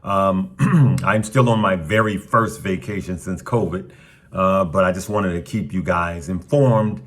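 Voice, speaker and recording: A man with a very low, husky voice talks through a casual stock market update for his viewers. He is relaxed and conversational, dropping in frequent ums and uhs. His voice still has the roughness of early morning. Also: measured pace. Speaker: stock market channel host.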